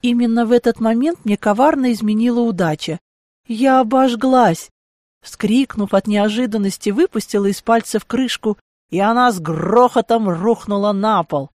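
A woman's voice: mid-range voice, moderate pace, a little mellow, dry recording, clean studio sound. Woman narrating an ironic audiobook. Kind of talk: first-person audiobook narration.

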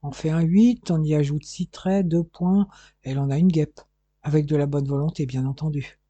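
A reader doing a curt police chief, dark husky voice. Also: mid-range voice, fairly even intonation, no echo, natural voice. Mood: musing. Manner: curt, brisk orders. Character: stern middle-aged male police chief. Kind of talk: audiobook dialogue.

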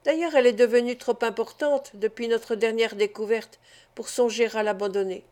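A woman's voice: fairly high pitch, fairly even intonation, moderate pace, darkish tone, natural voice. A woman reading the part of a kindly, wise father speaking to his sons in an audiobook. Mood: approving. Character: kindly wise father, family head, gently teasing.

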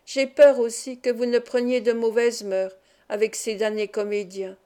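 A woman's voice: a little high, flat delivery, moderate pace, mellow, lightly acted. Woman reading an anxious pious young woman. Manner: worried, pleading. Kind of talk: audiobook reading.

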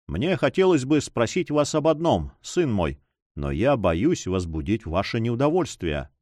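A man voicing a gentle, worried old priest who speaks softly and anxiously. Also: mid-range voice, very animated, unhurried, dry recording, clean studio sound.

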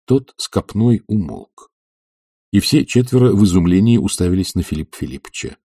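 Husky low-voiced male narrator. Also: animated, fairly quick, warm tone, no echo, clean studio sound. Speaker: audiobook narrator. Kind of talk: scripted narration.

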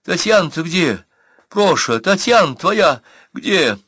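A desperate young peasant woman, as a male reader puts her on, crying out her pleas in a high, straining voice. Her wails sit on a bright, forceful tone, close and dry in an audiobook recording. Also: big pitch swings, slow, husky, no room sound, exaggerated voice. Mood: anxious. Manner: wailing, pleading cries.

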